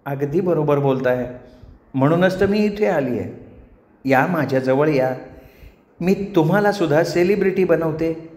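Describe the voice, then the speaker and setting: A man's voice: unhurried, long pauses, darkish tone, reverberant, lightly acted. A man voicing a seductive celestial nymph woman, speaking sweetly and coaxingly in a storytelling performance. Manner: sweet, coaxing, falsetto-ish.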